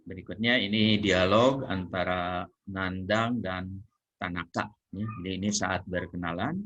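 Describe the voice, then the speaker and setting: A man's voice: deep voice, a little slow, fairly bright tone, lo-fi sound. A man teaching a Japanese grammar lesson, explaining patiently and repeating example sentences with frequent checking "ya".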